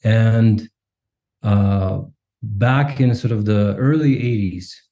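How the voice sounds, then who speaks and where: A man in his forties from Kazakhstan, a native Russian speaker, answering interview questions in a measured, reflective way and often tagging his points with a questioning "right?". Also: fairly low pitch, warm tone. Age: 40s. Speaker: guest.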